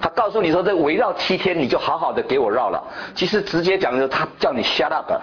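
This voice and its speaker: A male preacher giving a sermon in an animated way, peppering his listeners with rhetorical questions, on a dull lo-fi recording. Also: a little high, quick pace. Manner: animated, quizzing the congregation with repeated rhetorical questions.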